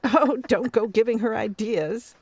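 A woman's voice: fairly high pitch, measured pace, darkish tone, dry recording. A woman playing a prim, weary mother who coaxes her difficult daughter with patient, careful talk.

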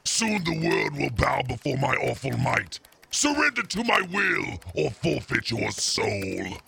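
A man voicing a boastful demon who has possessed a young girl, making grandiose, menacing proclamations in a raspy voice. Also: medium pitch, sing-song, a little slow, pushed and bright, slight background noise, full character voice. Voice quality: gravelly and raspy.

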